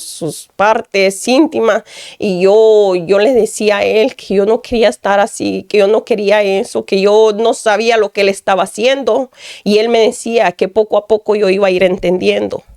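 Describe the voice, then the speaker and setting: Gravelly-voiced woman giving an earnest testimony. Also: medium pitch, fairly even intonation, normal speed, darkish tone, dry recording, clean studio sound. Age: adult. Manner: earnest, repeats phrases, often addresses the pastor. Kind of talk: emotional personal testimony.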